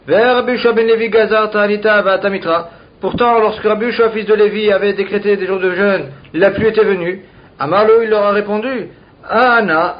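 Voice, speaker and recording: Man, high voice, Talmud lesson, reads then translates, muffled lo-fi sound. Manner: reads Aramaic phrases then translates them. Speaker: Talmud teacher. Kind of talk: reading and translating Talmud aloud. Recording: dull lo-fi recording.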